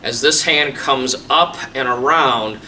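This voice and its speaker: A man teaches taekwondo in an informal, explanatory tutorial style. His voice is bright and firm at a medium pitch. The microphone is some distance away. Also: slow. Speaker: taekwondo instructor. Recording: distant mic, faint room noise.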